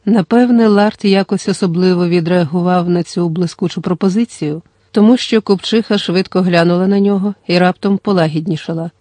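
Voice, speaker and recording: A reader narrating an audiobook in a steady, measured storytelling manner. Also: medium pitch, no room sound.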